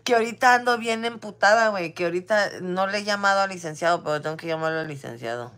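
A woman's voice: mid-range voice, fast, fairly bright tone. Woman, Mexican accent, casual rant, blunt, profane slang, mixes in English phrases. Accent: Mexican Spanish. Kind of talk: casual venting monologue.

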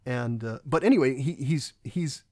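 A man's voice: medium pitch, warm tone, no room sound, studio quality. A man giving a casual, rambling film commentary, often stopping and restarting his sentences. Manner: halting and rambling, many restarts.

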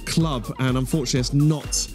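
A man's voice: mid-range voice, steady tone, fairly quick, darkish tone, soft background music. A British man in his thirties presenting a game show, announcing rounds and prizes with a projected delivery. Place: studio stage with music behind.

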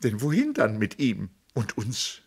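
A man's voice: big pitch swings, normal speed, a bit bright, husky. A man reading a novel aloud, voicing a desperate middle-aged woman who pleads and sobs. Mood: tearful lament. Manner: pleading, sobbing, rising to high breaks.

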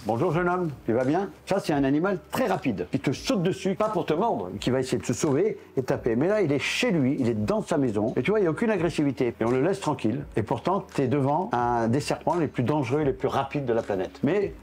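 A man in his seventies, a reptile keeper, giving a lively casual tour and coaxing his animals in a higher voice. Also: fast talker, few pauses. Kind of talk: casual guided explanation.

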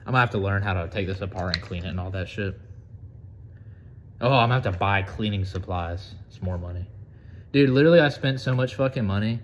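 An eighteen-year-old man from the United States chatting casually on a vlog, excitable, profane and rambling. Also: on the low side, a little fast, slight background noise. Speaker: vlogger.

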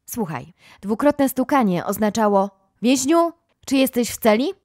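A woman's voice: on the high side, expressive, measured pace, darkish tone, no echo, clean studio sound, pitched above the performer's own voice. A woman reading an audiobook, voicing an imaginative, kind young girl with a dreamy, playful tone. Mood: dramatic.

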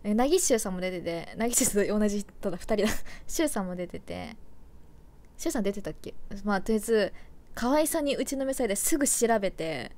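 A woman's voice: mid-range voice, expressive, moderate pace, a little mellow. A young woman idol chatting casually on a livestream, rambling and giggly and correcting herself as she goes.

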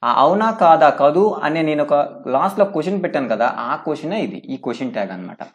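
A man teaching English grammar in a step-by-step lecture, reading out English forms slowly and often checking with "okay?". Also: fairly high pitch, sing-song, muffled recording. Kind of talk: classroom lecture.

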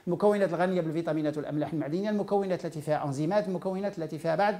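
Very fast-talking Moroccan man lecturing. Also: a little high, dark tone. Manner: explains by listing items one after another. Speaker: nutrition educator. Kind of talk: informal health lecture.

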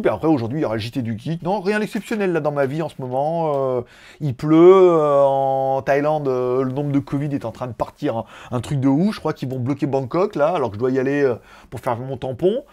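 A man's voice: a little high, dark tone. A man hosting a tech vlog in casual chat, rambling loosely, swearing often and laughing at his own jokes. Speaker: tech vlogger host. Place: living in Thailand.

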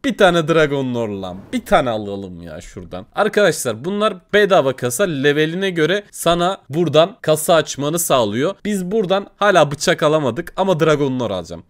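A young man giving casual gaming commentary to his viewers, excitable and swearing when things go wrong. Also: a little high, normal speed, hardly any pauses. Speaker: gaming video host.

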